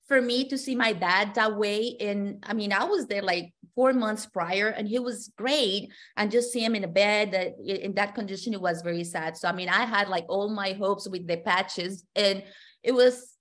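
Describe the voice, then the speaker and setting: Earnest woman. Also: medium pitch. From Colombia. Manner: earnest, with frequent fillers and restarts. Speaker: testimonial guest. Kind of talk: personal testimony.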